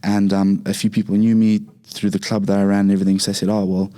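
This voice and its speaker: Young zimbabwean guy on a podcast, lowish flat voice, lots of ums. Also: quick pace. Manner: relaxed, frequent fillers and restarts. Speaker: podcast guest, fighter. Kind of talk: casual interview talk.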